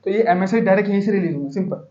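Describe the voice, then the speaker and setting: In Hindi, a man teaches biology at a racing pace in a high, darkish-toned voice, quizzing students over and over with call-and-response prompts so they call out answers. The audio is echoey and dull.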